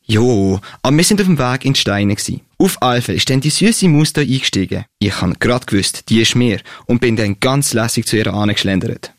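A man's voice: mid-range voice, animated, a little fast, few pauses, no room sound, studio quality, close to an everyday voice. A man voicing a boastful young man with a Swiss German accent telling how he met his girlfriend. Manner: boastful, easily annoyed.

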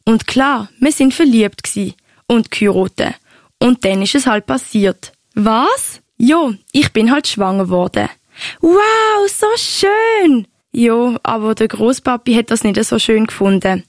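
A woman's voice: fairly high pitch, unhurried, dry recording, clean studio sound. A woman voicing a fond, chatty grandmother who tells her story in a Swiss German accent. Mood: reflective. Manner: fond, storytelling, a bit bashful. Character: warm chatty Swiss grandmother recalling romance. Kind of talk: amateur audio drama.

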